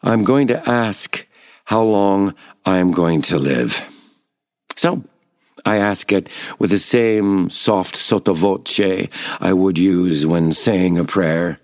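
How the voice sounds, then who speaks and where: A man's voice: takes it slowly, no echo, studio quality. Theatrical man in his seventies reading. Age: 70s. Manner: theatrical, swings from hushed low tones to raised outbursts; blunt, profane. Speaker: memoir reader. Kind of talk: dramatic first-person memoir reading.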